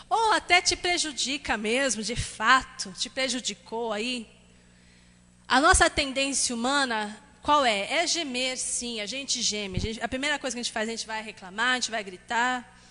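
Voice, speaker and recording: A Brazilian woman pastor delivers a lively, conversational sermon, slipping into quick acted asides. Her voice sits high and sounds bright and clear. The recording carries the long reverb of a church hall. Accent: Brazilian Portuguese.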